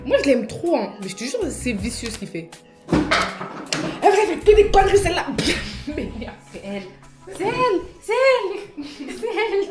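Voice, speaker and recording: A high-voiced young woman chats playfully, her pitch jumping all over as she exclaims and teases. The room echoes around her voice. Music plays underneath. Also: very animated, moderate pace. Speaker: vlogger. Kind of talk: casual chat. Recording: roomy room with music behind.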